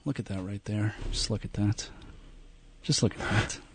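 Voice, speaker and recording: A man co-hosting sports talk radio, whispering his lines in a hushed, deadpan serious tone. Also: on the low side, moderate pace, slight background noise. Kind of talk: casual sports radio banter.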